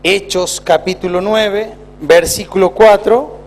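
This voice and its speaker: Man, argentine accent, pastor preaching, slow deliberate delivery, emphatic rises. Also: high voice, fairly even intonation. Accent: Argentine Spanish. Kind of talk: sermon. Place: church.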